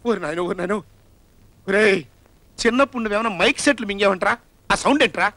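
A man's voice: high voice, quick pace, bright, forceful tone, no room sound, rough recording. An actor playing a fussy rich father in a film comedy who dotes on his daughter and complains about old-fashioned things. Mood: doting fussy. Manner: doting and then fussy and complaining. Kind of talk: Telugu film comedy acting.

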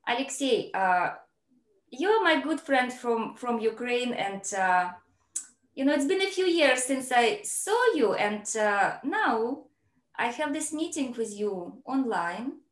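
A woman's voice: fairly high pitch, big pitch swings, takes it slowly. Chatty woman host on a video call. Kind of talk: casual online interview. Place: home room, video call. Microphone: laptop mic on video call. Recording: roomy echo.

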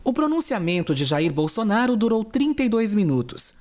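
A woman news correspondent narrating a scripted report in a steady, even delivery. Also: medium pitch, brisk.

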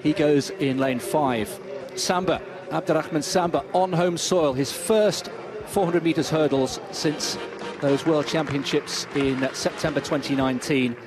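A man giving live play-by-play commentary on an athletics race, introducing the runners, then rising to excited shouts during the race. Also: a little high, measured pace.

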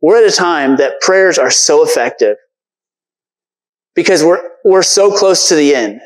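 A man's voice: on the high side, expressive, measured pace, low-quality recording. A man preaching a casual, earnest sermon from a church stage, talking conversationally with lots of fillers.

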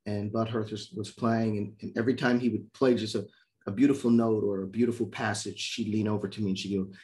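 Middle-aged man, from Miami, animated storyteller, video call audio. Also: lowish voice, brisk. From Miami, Florida. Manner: animated storyteller, acts out quoted voices. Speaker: trumpet player and composer. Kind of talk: casual conversation, storytelling. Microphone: video call mic.

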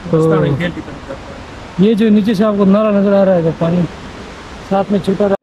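A man's voice: sits high, steady tone, moderate pace, warm tone, lo-fi sound. A man vlogging outdoors on a mountain trail, pointing out the scenery to viewers as he climbs, recorded on a handheld camera. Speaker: travel vlogger. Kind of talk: casual commentary while hiking.

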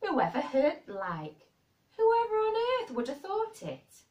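A woman's voice: high voice, huge pitch swings, slow pace, darkish tone, lo-fi sound, voice pushed up, full character voice. A woman voicing an astonished housekeeper who exclaims in broad Yorkshire in an audiobook story. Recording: roomy echo, distant microphone.

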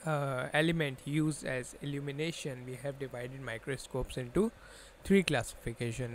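A man's voice: mid-range voice, slight background noise. A man giving an explanatory lesson as a lecturer, restating points in simple terms. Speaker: biology lecturer. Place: voice-over recorded over slides.

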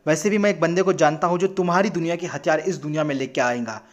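A man's voice: on the high side, fast, lightly acted. A man voicing an earnest young male hero who pleads urgently with his allies.

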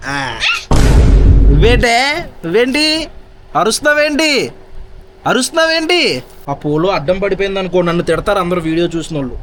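A man's voice: sits high, fast talker, noisy background. A man vlogging casually outdoors in a village, teasing and chatting playfully with a small child. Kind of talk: casual daily vlog chatter. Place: outdoors in a village, by water and fields.

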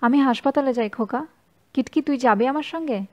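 Woman doing a brisk motherly aunt. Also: sits high, darkish tone, highs cut off, lightly acted. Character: motherly middle-aged aunt, brisk and familiar.

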